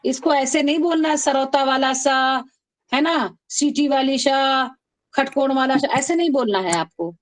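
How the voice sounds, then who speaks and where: A woman teaching an online class, affectionately calling her students "beta" and chanting rules slowly for them to repeat. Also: high-pitched. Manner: calls students "beta", drills them call-and-response. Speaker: Sanskrit teacher.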